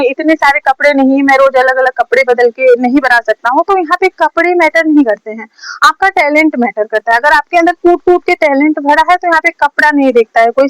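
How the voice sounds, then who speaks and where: A woman's voice: high-pitched, no echo, rough recording. A woman from India casually teaching short-video lip sync, repeating her points again and again, recorded at home on a phone set on a stand. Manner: chatty, repetitive, drills points over and over. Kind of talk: casual tutorial talk.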